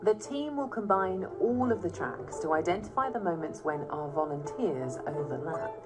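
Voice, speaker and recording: A British woman narrates a documentary, her voice sitting a little low and her delivery steady and explanatory. Clear, measured phrasing carries over a strong music bed. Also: poor audio. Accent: British English. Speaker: documentary presenter.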